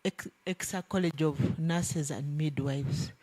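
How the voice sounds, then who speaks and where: Slow, low-voiced woman commenting from the floor. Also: dark tone, husky. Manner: earnest, hesitant, correcting herself. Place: conference hall. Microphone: handheld microphone passed around.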